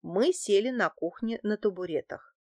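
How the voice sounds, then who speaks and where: Female first-person audiobook narrator, measured, dry close read. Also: medium pitch, warm tone, no room sound.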